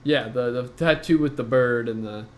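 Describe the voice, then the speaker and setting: A man narrating a tabletop game as game master, halting and full of fillers. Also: mid-range voice.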